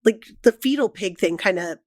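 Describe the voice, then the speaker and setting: A woman's voice: mid-range voice, expressive, normal speed, dry recording, studio quality. A woman co-hosting a podcast, giving informal, explanatory commentary on a film. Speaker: podcast co-host; high school teacher.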